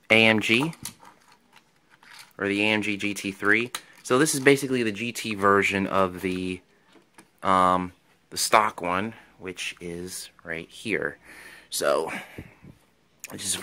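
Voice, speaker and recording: A man with a fairly low, sharp, smooth voice rambles enthusiastically in a casual show-and-tell vlog about his toy car finds. He's a toy car collector, and his talk is full of ums and restarts.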